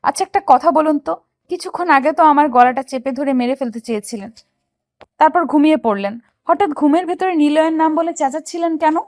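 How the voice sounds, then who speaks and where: A woman's voice: high-pitched, brisk, a little mellow, no room sound, natural voice. A woman as an earnest young wife narrating. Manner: earnest, questioning. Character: young wife, hurt and puzzled. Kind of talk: Bengali audio story narration and acting.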